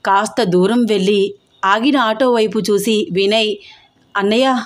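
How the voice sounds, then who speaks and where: A woman narrating an audio story in a steady, expressive reading. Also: mid-range voice, a little slow. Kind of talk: scripted narration.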